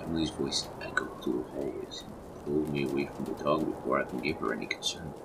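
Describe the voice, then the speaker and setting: A man narrating a horror story in a measured storytelling manner. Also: very deep voice, creaky, very noisy.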